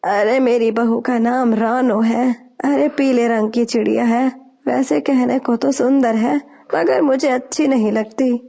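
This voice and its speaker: A woman's voice: on the high side, fairly even intonation, vocal fry, warm tone. A woman voicing a spiteful, bossy old female sparrow mother-in-law who scolds. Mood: scolding.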